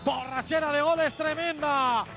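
A man giving breakneck live football commentary on the radio, frenzied, with drawn-out repeated shouts of goal. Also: very high voice, fairly even intonation. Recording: radio commentary with music over it.

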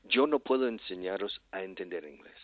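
An older Texan man with a marked American accent, speaking Spanish as a second language on a radio call. His voice sits low and comes through a narrow, tinny phone line, dry and close, with no room sound. He rambles animatedly and restarts his phrases often. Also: animated, normal speed, no echo. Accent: American English accent in Spanish. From Texas, USA. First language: English. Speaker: guest, English-teaching entrepreneur. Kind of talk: radio interview.

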